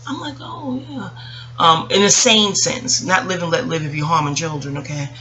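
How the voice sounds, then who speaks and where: In a low-quality recording, an American woman with a fairly low, bright, and forceful voice speaks at a moderate pace. Her vlog is a casual, reflective storytelling monologue, digressive and rambling, addressed directly to listeners.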